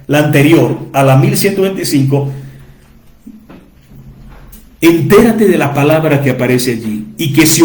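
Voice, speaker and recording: Emphatic preacher, high voice, echoey. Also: male voice, darkish tone. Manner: repetitive, emphatic, rhetorical questions. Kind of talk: Bible teaching monologue.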